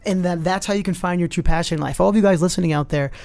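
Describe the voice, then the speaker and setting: A man's voice: high-pitched, creaky, darkish tone. A man hosting a talk show, chatting casually and telling stories with enthusiasm. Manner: fast, enthusiastic storytelling. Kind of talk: casual interview chat.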